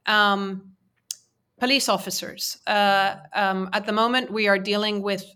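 Earnest in an interview, this Persian-speaking women's peace advocate restarts often and uses many fillers, her mid-range voice fairly bright in tone.

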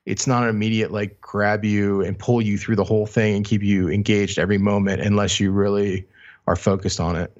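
This is a middle-aged man co-hosting a podcast and chatting about music, tentative and thinking aloud. He speaks briskly at a fairly low pitch with little pitch movement, and the track sounds slightly lo-fi.

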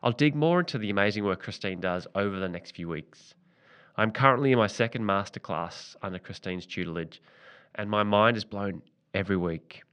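Deep-voiced man narrating a reflective essay. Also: a bit bright. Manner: measured, reflective, with slowed emphatic phrases. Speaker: podcast host.

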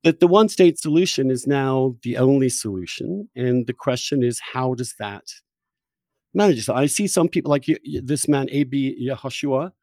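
Blunt and insistent, this podcast host and interviewer pushes his points in a combative political discussion, frequently stammering and starting over. He speaks at a normal speed in a mellow, medium-pitched voice, recorded with no room sound.

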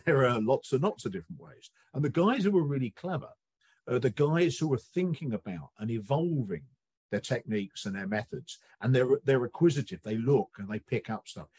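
A middle-aged man, a guest on a podcast, talking about coaching in a relaxed conversation and telling stories with quick quoted voices. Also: mid-range voice, breathy edge, dry recording. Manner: animated storyteller, acts out quick quoted voices.

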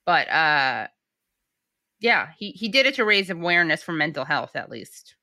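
A woman's voice: low voice, big pitch swings, normal speed, bright, forceful tone, no room sound. A woman co-hosting a podcast, chatting casually and reading news items aloud with wry, dry humor. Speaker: podcast co-host.

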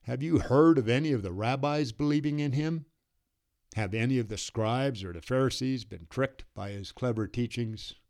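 A man's voice: medium pitch, normal speed, a little mellow, lightly acted. A man reading the lines of a scornful male council elder, mocking and angry.

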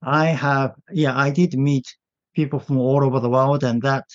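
A Japanese man, a native Japanese speaker, answering interview questions in English with a partly British accent, often pausing to search for words. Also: mid-range voice, fairly even intonation, dull audio. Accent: Japanese English with British influence. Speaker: guest.

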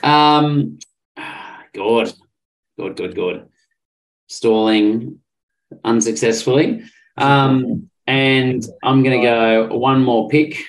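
A man's voice: medium pitch, very slow, long pauses. Cocky, playful New man. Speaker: podcast co-host. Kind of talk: casual podcast banter.

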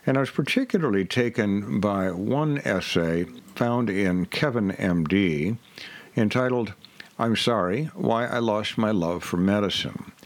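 A male podcast host with a lowish voice talks his listeners through a reflective monologue. He speaks in a measured, thoughtful way and lets his phrases draw out. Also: no echo.

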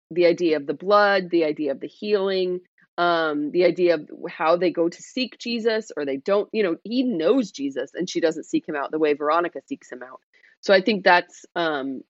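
A woman hosting an online Bible discussion, talking through scripture in a relaxed, chatty way, with frequent fillers and "right?" tag questions. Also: lowish voice, no echo, dull audio. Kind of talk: casual scripture commentary.

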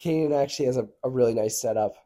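A man's voice: mid-range voice, rapid-fire, dark tone. A man co-hosting a podcast, chatting casually, hesitant and often laughing as he trails off. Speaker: podcast co-host. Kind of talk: casual chat.

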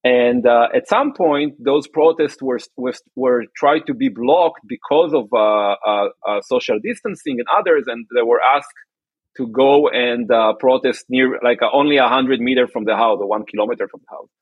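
A man talks through interview answers, pausing and restarting as he searches for his words. His voice is husky and sits at a middle pitch. The sound is dry and narrow, like a phone line. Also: dry recording. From Israel. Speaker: guest, entrepreneur and activist.

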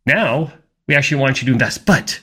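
A man's voice: medium pitch, animated, brisk, fairly bright tone, breathy edge. A man giving an emphatic, opinionated video commentary on energy markets.

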